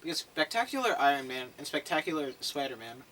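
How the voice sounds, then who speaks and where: A young man chatting casually on a podcast, his voice bright and forceful as he rambles excitably and swears in passing. He sits away from the mic, with a faint hiss underneath. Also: fairly high pitch, quick pace. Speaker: podcast co-host. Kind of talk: casual chat. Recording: voice from a distance with faint background noise.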